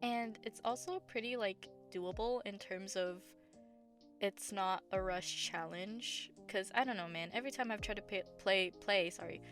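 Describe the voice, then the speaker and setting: A woman from the Southern United States, a game builder and channel host, gives casual voice-over commentary on gameplay with background music. Her mid-range, fairly bright voice is hoarse, scratchy and gravelly after bronchitis. She talks at a moderate pace, rambling, using lots of fillers and correcting herself.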